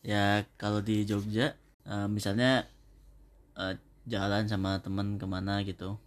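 A young man speaks in a low voice during a relaxed, casual chat. He hesitates often and circles back to find his words, and his tone stays easygoing. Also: measured pace. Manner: hesitant, many fillers and restarts.

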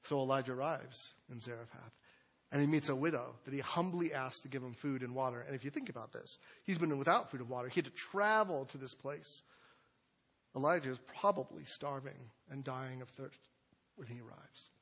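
A man's voice: mid-range voice, a little fast, fairly bright tone, breathy edge, lo-fi sound. Man preaching with casual asides. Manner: conversational, loose asides with fillers. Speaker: pastor teaching a sermon series. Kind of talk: sermon.

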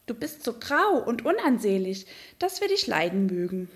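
A woman's voice: a little high, big pitch swings, normal speed. Woman doing cheeky young wild ganders. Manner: cheeky, mocking.

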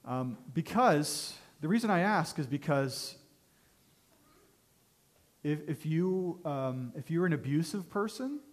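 Fervent male pastor preaching, slightly high voice. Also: lively intonation, slow pace, pauses often. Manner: emphatic preaching with rising intensity and rhetorical questions; addresses the congregation directly, frequent "okay?". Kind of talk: sermon.

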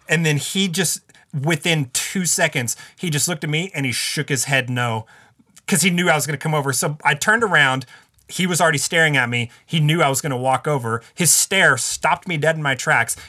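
Guy rambling through a story, lots of likes and f-words, kinda high bright voice. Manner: rambling and animated, heavy filler words and swearing. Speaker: podcast co-host telling a story. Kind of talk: casual storytelling chat.

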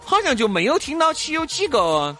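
A woman's voice: high-pitched, huge pitch swings, fairly quick, fairly bright tone, soft background music. A woman with a Sichuan accent, co-hosting a show in casual, teasing, playful banter. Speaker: co-host.

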